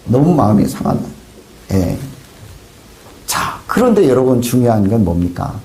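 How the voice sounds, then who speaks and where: A man preaching a sermon as pastor, lively, often prompting the congregation with quick asides. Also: mid-range voice, reverberant. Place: church sanctuary.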